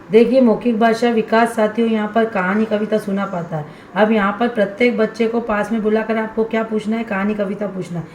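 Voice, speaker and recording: A primary school teacher with a warm, mid-range voice walks fellow teachers through filling in a student assessment workbook step by step. The recording is reverberant, with a little hiss or hum.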